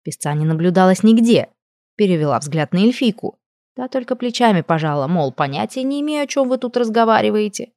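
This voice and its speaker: A woman narrating a first-person fantasy audiobook in a lively, expressive way on a close mic. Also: mid-range voice, brisk, no room sound.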